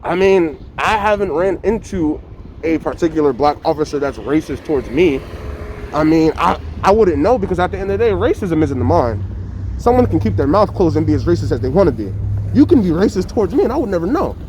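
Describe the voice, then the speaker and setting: A high-pitched man speaks through a face mask, debating with insistence. He repeats his phrases to drive each point home. Faint outdoor wind noise sits behind his voice. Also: sing-song, fairly quick, a little mellow, low-quality recording. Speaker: interviewee giving opinions. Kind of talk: impassioned street debate.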